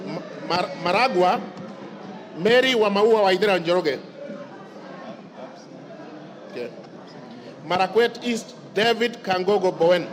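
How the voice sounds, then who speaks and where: A man's voice: high voice, moderate pace, noisy background. A man acting as a parliamentary clerk, formally reading out a roll of constituencies and names. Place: large parliamentary chamber. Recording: reverberant hall, murmuring crowd. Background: crowd.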